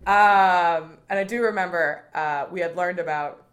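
A young adult woman comedian in a casual interview. She tells stories in an animated way, laughs often and swears now and then. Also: fairly low pitch, a little slow. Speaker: comedian, guest.

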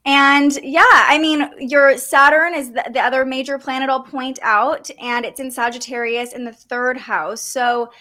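A woman hosting a podcast, giving a conversational astrology reading in a gentle, explanatory way. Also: high voice, steady tone, unhurried, hardly any pauses. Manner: gentle, explanatory, with light laughs and fillers.

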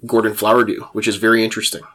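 A man's voice: fairly low pitch, level tone, rapid-fire, a bit bright. A man in a casual, explanatory discussion of history, often repeating and rephrasing his points as he goes.

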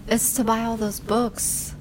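A woman's voice: a little high, little pitch movement, unhurried, noisy background. A woman in casual chat, talking in a chatty, offhand way.

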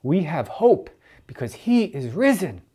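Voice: medium pitch, sing-song, measured pace, mellow, slightly rough. A church elder preaching earnestly and stressing key points by repeating them. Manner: earnest, emphatic repetition.

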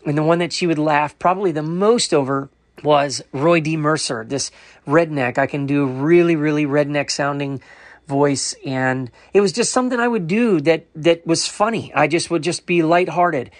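A man's voice: on the high side, moderate pace, no room sound. A man preaching in a recorded commentary, earnest and emphatic with a playful side.

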